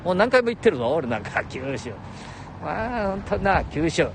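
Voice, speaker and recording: A man's voice: high-pitched, sing-song, normal speed, background noise. An older man in his seventies with a Nagoya-area Japanese dialect, rambling and chuckling on a solo livestream. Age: 70s. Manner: chatty, laughs often, talks to himself. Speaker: livestream host.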